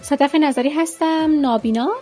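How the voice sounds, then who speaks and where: A woman recounting a childhood memory in a lively, animated way. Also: sits high, over loud music.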